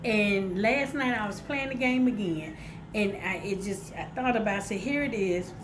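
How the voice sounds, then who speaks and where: A congested woman, stuffed up from her sinuses, chats with her viewers at a normal speed in a medium-pitched voice. She's a vlogger at home by a window, casual and motivational, saying "y'all" and using many fillers. The background is noisy.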